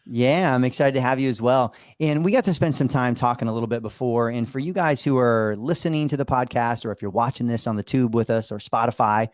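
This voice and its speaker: A man's voice: medium pitch, dry recording, clean studio sound. A man hosting a podcast, talking in an upbeat, loose way with many fillers. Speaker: podcast host. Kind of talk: casual interview chat.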